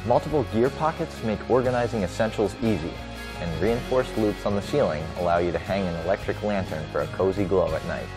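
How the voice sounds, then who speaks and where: A man with a fairly low voice reads product copy in a smooth, polished advertising style. Light background music plays under his voice-over. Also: brisk. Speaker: product narrator. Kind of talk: scripted promotional voice-over.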